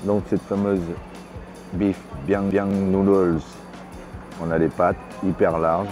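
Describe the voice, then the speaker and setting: A middle-aged man hosting a food vlog, giving measured, descriptive tasting remarks in a casual way. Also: deep voice, little pitch movement, darkish tone. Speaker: food vlogger host. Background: background music.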